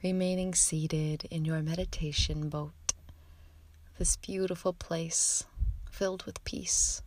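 A woman leading a guided meditation in a soft, soothing voice that often drifts into whispers. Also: low-pitched, fairly even intonation, slow.

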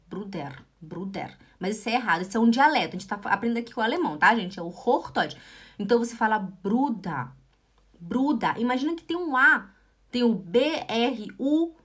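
A Brazilian woman with a Brazilian Portuguese accent teaching German in a live online lesson, drilling words slowly and repeating them over and over, sometimes shushing to show a sound. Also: fairly high pitch, a bit bright. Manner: slow, exaggerated pronunciation drills; encouraging, repeats herself often.

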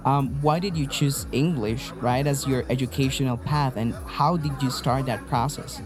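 A man's voice: medium pitch, moderate pace, over music. A man hosting an interview podcast, upbeat and encouraging, often saying "you know". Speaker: podcast host, faculty manager.

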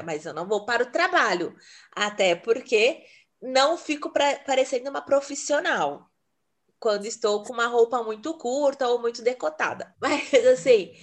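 Woman, higher pitch, casual and chatty, laughs easily. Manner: chatty and laughing, quick asides. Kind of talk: casual chat.

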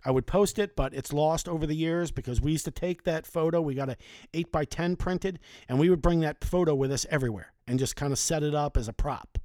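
A talkative man in his forties spins loose, casual stories from years back. His voice sits a touch high for a man, and it sounds close and dry, with no room echo. He drifts from one aside to the next and swears now and then. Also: fairly quick, a little mellow. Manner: chatty, conversational, with mild swearing. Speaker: storyteller. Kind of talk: casual anecdotal storytelling.

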